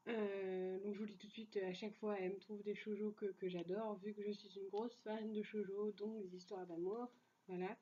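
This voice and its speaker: A woman's voice: mid-range voice, level tone, moderate pace, warm tone, highs cut off. A young woman casually reviewing manga in a vlog, full of fillers and restarts, and enthusiastic about what she likes. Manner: hesitant, many fillers and restarts; enthusiastic, laughs easily.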